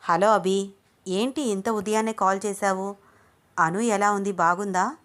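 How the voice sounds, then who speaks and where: A fretful middle-aged mother who talks on and on in worry, read by a woman storyteller. Her voice is a plain mid-pitched woman's voice. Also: steady tone, a little slow, a bit bright, lightly acted. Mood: worried.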